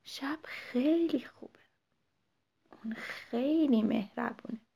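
A woman's voice: on the high side, huge pitch swings, creaky, a little mellow, breathy edge, muffled recording, exaggerated voice. A woman voicing a kind, lonely old woman in a children's story, speaking in a soothing, wise way.

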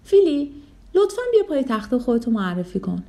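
A woman's voice: a little high, very animated. A woman doing a stern elephant schoolteacher. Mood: formal. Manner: stern, sharp. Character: strict female elephant teacher, quick to scold.

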